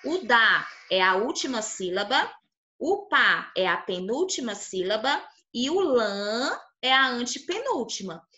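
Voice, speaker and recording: A woman's voice: a little high, sing-song, measured pace, sharp tone, muffled recording. A young woman with a Brazilian Portuguese accent teaching young children online. She explains step by step, patiently, and often checks that they understood. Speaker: primary school teacher. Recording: echoey room.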